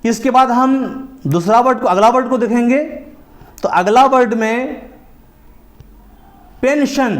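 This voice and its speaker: A man giving a spoken pronunciation lesson, spelling words out letter by letter and repeating each rule slowly. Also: high-pitched. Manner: repeats each point slowly, drawing out letters and falling at phrase ends. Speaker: English pronunciation teacher.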